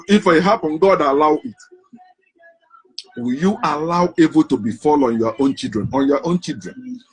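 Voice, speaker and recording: A man from Africa, a commentator on religion, delivers an impassioned, emphatic monologue, hammering home rhetorical questions. His voice is fairly high-pitched, and the recording is rough.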